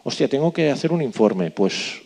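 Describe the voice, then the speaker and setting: A man's voice: medium pitch, lively intonation, moderate pace, vocal fry, a little mellow. A man giving a live workshop talk, asking the audience questions and checking in with "¿vale?" often. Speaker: workshop speaker.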